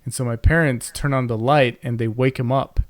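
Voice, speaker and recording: A man's voice: mid-range voice, steady tone, fairly quick, dry recording. A young man co-hosting a podcast, telling a family story in casual chat, rambling with many fillers and restarts into a close mic. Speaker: podcast co-host.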